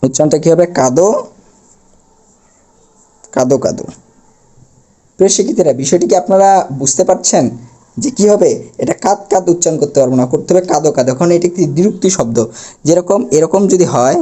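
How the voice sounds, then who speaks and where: This grammar lesson at a board comes from a Bangladeshi man whose Bengali accent colors a slightly high, warm, fast voice. He quizzes the class and then supplies the answers, filming on a camera he adjusts himself.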